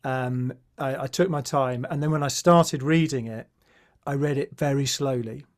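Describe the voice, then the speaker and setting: A man's voice: mid-range voice, normal speed. A man hosting a podcast interview, talking in a casual, hesitant way with many fillers and restarts. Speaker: podcast host.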